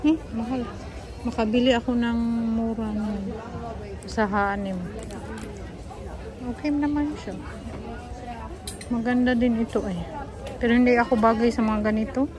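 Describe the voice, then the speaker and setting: Filipina vlogger, higher voice, easy chatty commentary while shopping, busy crowd all around. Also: female voice, unhurried, long pauses, rough recording. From Philippines. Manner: chatty running commentary, calls companion "Day". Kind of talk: casual shopping vlog. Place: busy shops and street market.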